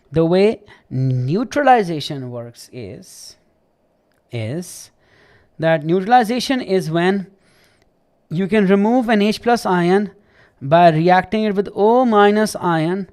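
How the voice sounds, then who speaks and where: A man's voice: high-pitched, a little mellow. Chatty man teaching chemistry live. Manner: chatty, repeats himself, checks understanding often. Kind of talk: live online lesson.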